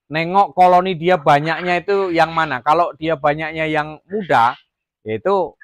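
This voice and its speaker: A man's voice: fairly high pitch, background noise. A man from Jambi, Indonesia, running a casual farm vlog about raising quail, rambling with many fillers and restarts. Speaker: quail farmer vlogger. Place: quail farm, near the cages.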